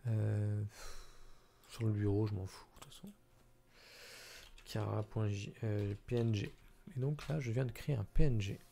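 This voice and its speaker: A man's voice: lowish voice, fairly even intonation, unhurried, gravelly, pauses often, warm tone. Tired man mumbling over his edit. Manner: mumbling, hesitant, thinking aloud. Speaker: video editor commenting his work. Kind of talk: casual screen-recording commentary.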